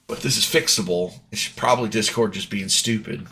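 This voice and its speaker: A man running a tabletop game as dungeon master over a voice call, narrating in a halting, playful way with many fillers. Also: on the low side, creaky, pushed and bright, slight background noise. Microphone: voice call mic.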